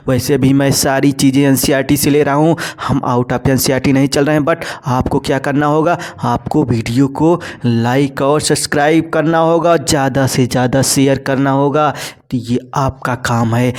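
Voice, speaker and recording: A man's voice: medium pitch, darkish tone. A man teaching a biology lesson for exam students in mix, repeating key terms and answering his own questions. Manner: talks to students as "bhai sahab" and "beta". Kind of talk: exam-prep lecture.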